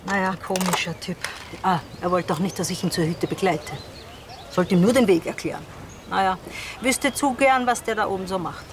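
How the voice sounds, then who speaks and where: A woman's voice: medium pitch, normal speed, lightly acted. An actress playing a chatty, nosy middle-aged countrywoman in a film drama. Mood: nosy, determined. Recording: noisy outdoor ambience.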